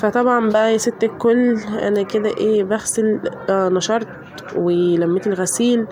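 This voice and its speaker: A woman's voice: medium pitch, fairly even intonation, fairly quick, crowd noise. An Egyptian woman, a mother vlogger with a voice changed by a cold, chatting and joking with viewers about her kids' laundry. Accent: Egyptian Arabic. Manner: chatty, swears oaths, laughs often. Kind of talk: casual voice-over chat.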